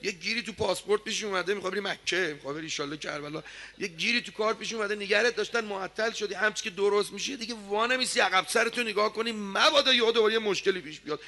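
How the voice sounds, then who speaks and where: A man preaching a sermon, telling a story dramatically and swinging from hushed tones to loud declaiming. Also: sits high.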